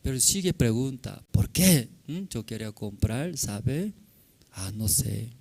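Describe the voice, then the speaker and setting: A male pastor, a native Korean speaker with a Korean accent, tells a personal story during a sermon in simple, broken Spanish, frequently checking in with tag questions. He's animated and acts out the shouting in the story, speaking slowly in a mid-range voice with vocal fry.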